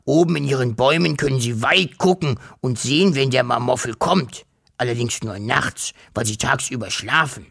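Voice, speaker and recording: A man's voice: mid-range voice, normal speed, creaky, a bit bright, breathy edge. A man voicing a friendly three-headed male dragon in a children's story, speaking in a hissing, matter-of-fact way. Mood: explaining.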